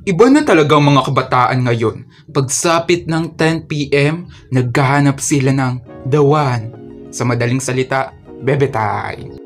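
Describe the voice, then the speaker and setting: An animator with a Filipino accent narrates his cartoon, telling embarrassing stories in a playful, self-mocking way. His mid-range voice is animated and a little slow, with soft music in the background.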